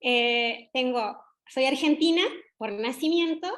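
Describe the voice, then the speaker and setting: A middle-aged woman with a Chilean accent, a doctor speaking as guest in an interview, measured and reflective with pauses. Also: sits high, fairly bright tone. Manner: measured, reflective, frequent hesitations. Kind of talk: conversational interview.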